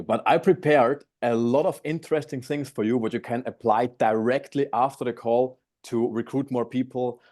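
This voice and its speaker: A man's voice: medium pitch, a little mellow. Upbeat Austrian-accented young man teaching. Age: 20s. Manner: upbeat, eager, slightly non-native phrasing. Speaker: guest speaker. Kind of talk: online sales masterclass. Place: his home. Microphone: video call.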